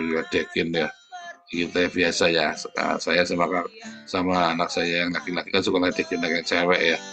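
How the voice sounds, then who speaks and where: Male preacher, casual devotional talk, lowish pitch, clear guitar backing. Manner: conversational, often adds "saudara". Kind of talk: morning devotional sermon. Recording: guitar music behind.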